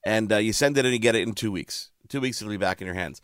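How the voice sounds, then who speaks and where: A man's voice: on the low side, quick pace, fairly bright tone, no room sound, studio quality. A man hosting a radio show in casual chat, chatty and playful, often interrupting himself.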